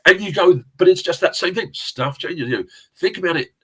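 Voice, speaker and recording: High-pitched and animated, the man talks a little fast with a fairly bright, slightly rough tone over a rough recording. He's a middle-aged English casting director and actor with a South London accent, an interview guest telling rambling stories from the film industry in a casual chat, laughing often and swearing occasionally.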